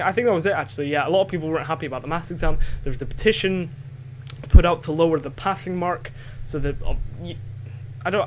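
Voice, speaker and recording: This is a home podcast hosted by a teenage boy from Scotland whose accent is light and whose voice runs on the high side. He rambles hesitantly, full of fillers and false starts. A little hiss or hum can be heard.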